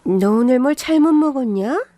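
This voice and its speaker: In a radio story reading, a woman plays a bossy, scornful older mother-in-law who nags and scolds. Her voice sits high with lively intonation and a dark tone, at a moderate pace, with no room sound.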